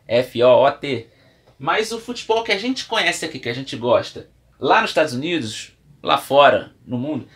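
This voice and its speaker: Lively Brazilian man teaching English. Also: fairly high pitch. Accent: Brazilian Portuguese. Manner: patient, explains step by step with examples; writes and erases on the board while talking. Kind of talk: classroom lesson. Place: room with a whiteboard.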